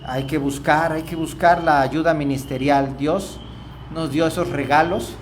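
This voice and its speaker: A man, preaching a church lesson in an animated way, moving between emphatic points and quiet asides. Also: on the high side, unhurried, a little hiss or hum.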